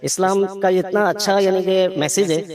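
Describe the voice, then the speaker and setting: A man's voice: high voice, steady tone. A man answering as a guest on a talk show, explaining steadily and sometimes hunting for words. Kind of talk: conversational answer. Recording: crowd heard behind.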